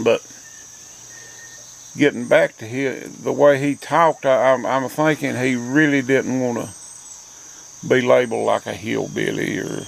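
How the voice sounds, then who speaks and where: Older man, Appalachian accent, heavily creaky voice, folksy unhurried monologue, faint outdoor insects behind. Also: medium pitch, fairly even intonation, rough recording. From Appalachian mountains, southern US. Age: older, grandparent. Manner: folksy, plainspoken mountain dialect. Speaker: host. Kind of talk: rambling, reflective front-porch monologue. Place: outdoors, rural porch. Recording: outdoor insect and nature noise.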